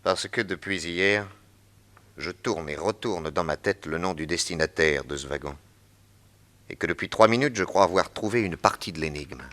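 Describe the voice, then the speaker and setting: In a radio drama, an actor voices a shrewd male detective who stays calm. He speaks low and measured, with a probing, composed mood.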